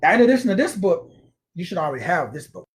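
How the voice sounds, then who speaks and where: Animated, slangy man preaching. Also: sits high, fast. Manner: animated, slangy and emphatic, repeats words for stress. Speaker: spiritual teacher. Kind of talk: informal preaching lecture.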